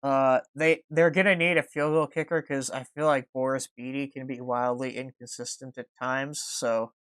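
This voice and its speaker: A man's voice: medium pitch, flat delivery, normal speed, fairly bright tone, clear, resonant tone, no room sound. A man hosting a casual sports podcast, reading through news items and then riffing on them. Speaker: podcast host.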